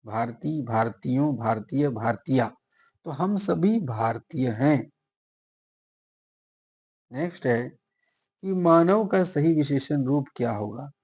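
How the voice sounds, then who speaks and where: A man's voice: medium pitch, animated, takes it slowly, pauses often, a little mellow, breathy edge. A man teaching an exam-prep grammar lesson, explaining step by step and repeating each answer option aloud.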